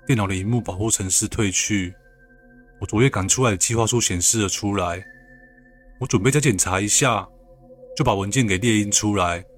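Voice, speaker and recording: Man, calm scripted horror narration, lowish pitch. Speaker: storyteller of ghost stories.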